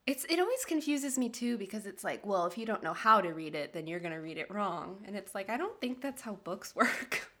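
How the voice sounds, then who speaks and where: A woman's voice: mid-range voice, expressive, a little fast, few pauses, bright, forceful tone. A woman co-hosting a casual podcast, reading out history notes in a chatty way and laughing often. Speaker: podcast co-host.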